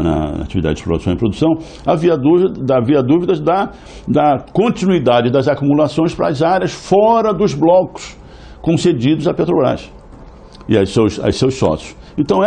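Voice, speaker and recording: A man answers an interviewer at length, often restarting phrases and tagging them with little questions. His voice is husky and dark, with a gravelly edge and a wide, lively pitch range. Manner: hesitant, many restarts and tag questions. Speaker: interviewee, oil company insider.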